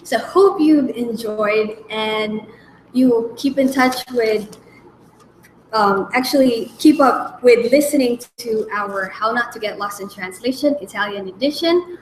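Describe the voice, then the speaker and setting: A woman hosting a language lesson, slowly naming each letter and repeating example words with care. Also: on the high side, slight background noise. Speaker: language segment host. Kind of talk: slow, careful alphabet lesson. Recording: echoey room with faint background ambience.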